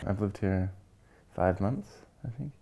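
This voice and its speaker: A man's voice: low-pitched, measured pace, dark tone. Easygoing New man in his thirties. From New Zealand. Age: 30s. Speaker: blind date participant. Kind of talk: casual interview and chat. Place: hotel room and restaurant, indoors.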